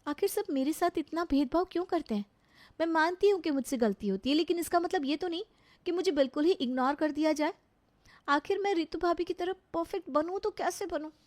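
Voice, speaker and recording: A woman's voice: very high-pitched, fairly quick, darkish tone, pitched above the performer's own voice. A woman voicing a young daughter-in-law who feels treated unfairly, speaking plaintively. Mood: hurt.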